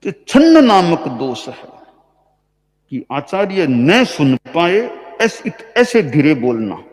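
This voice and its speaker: A man delivering a sermon as a spiritual teacher, explaining point by point in a measured way and acting out short quoted examples. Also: a little high, big pitch swings, big-room sound.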